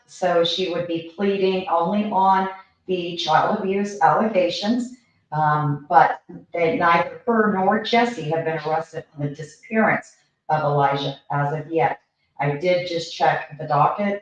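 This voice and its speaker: Low-pitched woman chatting on a livestream, hollow tube sound, echoey and far off from the mic, dull. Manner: chatty, lots of fillers. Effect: hollow, as if talking through a tube. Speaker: livestream host. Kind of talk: casual livestream commentary.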